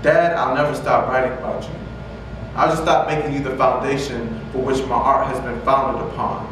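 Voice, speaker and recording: A man's voice: medium pitch, fairly even intonation. Echoey young man reciting confessional poetry. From Detroit, United States. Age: young adult. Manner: earnest, measured dramatic delivery. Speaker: spoken word poet. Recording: roomy echo, distant mic, faint noise.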